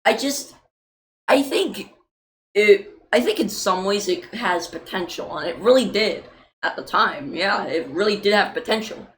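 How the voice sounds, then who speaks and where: A woman's voice: medium pitch, animated, unhurried, a little hiss or hum, rough recording. A young woman, an indie game developer, chatting loosely in a livestream Q&A with many fillers and casual swearing.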